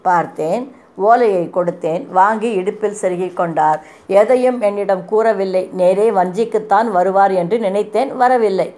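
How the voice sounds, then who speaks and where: A woman's voice: medium pitch, normal speed, dark tone, lightly acted. A woman voicing Angathan, a loyal male companion, recounting news in a sorrowful, earnest way in a storybook reading.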